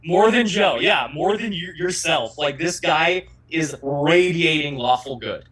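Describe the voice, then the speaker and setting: A man running a tabletop game as game master, talking in a halting way with many fillers. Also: on the high side, lively intonation, crowd noise, low-quality recording. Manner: halting, filler-heavy delivery.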